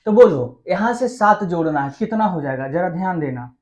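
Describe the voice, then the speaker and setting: A man's voice: high-pitched, expressive, normal speed, darkish tone. A man teaching an exam-prep math lesson. He keeps asking the class questions and answering them himself in a chatty, coaxing way.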